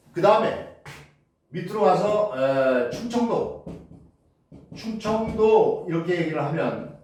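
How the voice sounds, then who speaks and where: A male lecturer with a slightly high, slightly mellow voice gives a public humanities talk, asking rhetorical questions and answering them himself. He fills his speech with filler sounds and restarts. It's recorded from a distant mic in a very echoey lecture hall.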